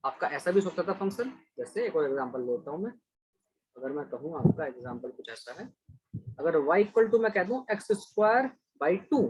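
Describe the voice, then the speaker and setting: A man's voice: sits high, husky, rough recording. A man teaching a math class online, patiently explaining steps and praising students by name as he checks their answers.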